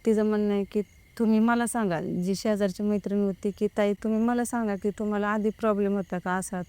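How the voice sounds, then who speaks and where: A woman's voice: medium pitch, steady tone, a little fast, warm tone, clean tone, no echo. A young woman, recounting her own experience in casual speech and quoting the people involved. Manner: retells with many quoted exchanges. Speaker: guest telling her experience. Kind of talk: casual spoken account.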